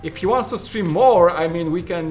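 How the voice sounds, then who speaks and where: This co-host, a Polish man in his thirties with a Polish accent, chats casually through viewer questions in a large studio full of shelves, cracking jokes and trailing off mid-sentence. His voice sits high and a little mellow at normal speed, with soft music underneath.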